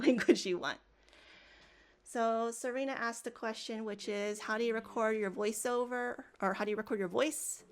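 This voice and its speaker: A woman running a live coding workshop for teachers, casual and talking through each step aloud with frequent restarts. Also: mid-range voice. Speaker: teacher trainer.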